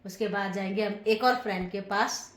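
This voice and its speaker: A woman's voice: mid-range voice, steady tone, brisk. A woman vlogging casually on a handheld phone, chatty and laughing often as she visits old friends. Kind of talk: casual vlog narration. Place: walking around a neighbourhood, indoors and out.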